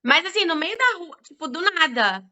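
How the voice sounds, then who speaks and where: A woman's voice: very high-pitched, very animated, normal speed, sharp tone, muffled recording. A Brazilian woman with a Brazilian Portuguese accent who hosts a podcast and asks rambling questions full of fillers. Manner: rambling, many fillers like "tipo assim". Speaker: podcast host. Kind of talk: casual podcast interview.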